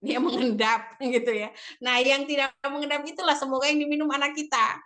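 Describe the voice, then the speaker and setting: A woman religious teacher at a parents' seminar, telling lively stories about her children, quoting them and often laughing as she talks. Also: high-pitched, a little fast. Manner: often laughs while talking.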